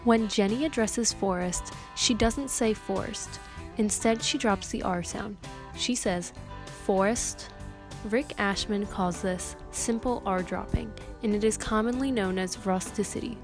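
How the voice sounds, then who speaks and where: Brief: student narrator, woman, steady mid pitch, backing track. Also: unhurried, music in the background. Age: young adult. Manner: clear, explanatory reading. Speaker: student presenter. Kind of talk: scripted class presentation narration.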